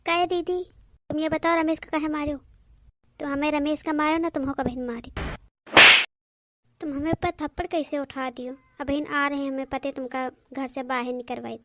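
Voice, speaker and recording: A woman's voice: sits high, steady tone, moderate pace, very noisy, lightly acted. A woman voicing a bossy Awadhi young wife. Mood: scolding. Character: arrogant scheming young wife, younger daughter-in-law.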